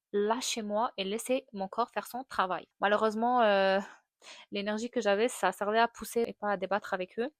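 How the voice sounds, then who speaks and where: A young woman tells a personal story in a casual, candid way. She is animated and uses lots of fillers. Her voice sits at a middle pitch, and the close recording is dry, with no room sound. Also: no echo. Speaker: vlogger.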